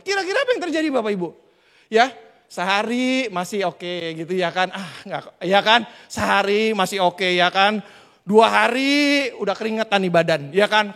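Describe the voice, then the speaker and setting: A male preacher giving a sermon, telling a lively story and talking directly to the congregation. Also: high-pitched. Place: church hall. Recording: reverberant church hall.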